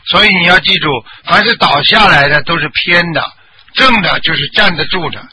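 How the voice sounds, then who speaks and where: A Buddhist master on a radio call-in show, explaining dreams to callers in plain terms and often checking whether they understood. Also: male voice, high voice, fairly quick, pushed and bright, slight background noise.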